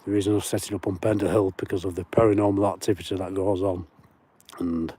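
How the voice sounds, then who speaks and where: A paranormal livestreamer with a broad Lancashire accent chats casually into his phone as he walks outdoors across moorland at night, greeting viewers by name and reading their comments aloud. He speaks quickly in a low, mellow, slightly rough voice with a flat delivery.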